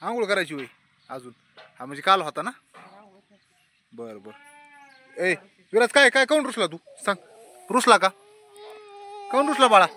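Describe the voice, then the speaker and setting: A man's voice: sits high, lively intonation, moderate pace, long pauses, sharp tone. A man, vlogging casually while scolding and coaxing a small child at home. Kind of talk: casual family vlog chatter.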